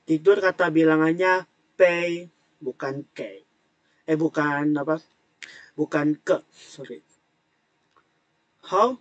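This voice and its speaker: A man teaching an online language class, explaining words and tones patiently and repeating them slowly. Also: on the high side, steady tone, highs cut off. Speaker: Mandarin teacher.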